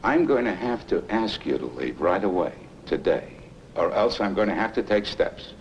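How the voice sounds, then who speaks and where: A middle-aged actor playing a firm, lecturing husband who turns fretful when pressed, in hissy 1970s TV film audio. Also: male voice, low voice, expressive, normal speed, dull audio. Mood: stern. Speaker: homeowner and husband.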